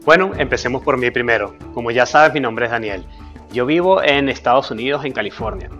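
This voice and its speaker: A man, introducing himself to camera in a steady, earnest way with frequent fillers. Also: mid-range voice, brisk, muffled recording, soft background music. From Venezuela. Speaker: personal finance YouTuber. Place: dark studio with a screen backdrop.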